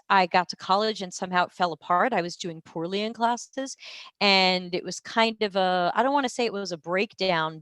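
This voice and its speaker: A woman's voice: mid-range voice, a bit bright, no room sound. Chatty woman in her forties, dry close sound. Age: 40s. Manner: chatty, self-deprecating, lots of ums and uhs. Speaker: UX professional telling her story. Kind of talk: casual live-stream monologue.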